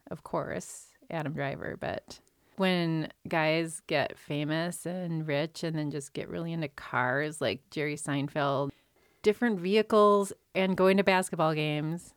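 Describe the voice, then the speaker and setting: A woman co-hosting a podcast talks through films in a loose, chatty way and laughs easily. Her voice sits on the low side and sounds smooth and resonant, with a dry, close sound. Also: a little slow, dry recording. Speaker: podcast co-host. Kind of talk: casual film chat.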